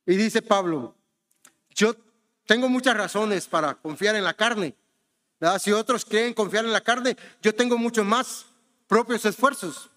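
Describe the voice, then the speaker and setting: A high-pitched, pushed and bright voice, a little slow, fills a large hall as a man from Honduras preaches. His sermon is conversational, often asking the congregation "¿verdad?" and addressing them as "hermanos."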